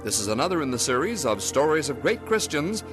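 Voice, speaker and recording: A fairly high-pitched male announcer with a lively, rising-and-falling delivery, closing an old radio program in a measured, formal way. Organ music plays clearly behind him throughout.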